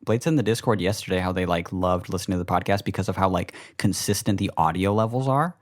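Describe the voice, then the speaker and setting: A man's voice: deep voice, fast talker, no room sound, studio quality. Man, twenties, podcast co-host, casual chat, rambling, profane, self-deprecating. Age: 20s.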